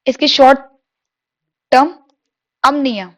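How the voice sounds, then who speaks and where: A high-voiced female teacher runs an exam-prep lecture, drilling questions and answering them herself. She reads the English questions slowly, then explains in Hindi using rhetorical questions.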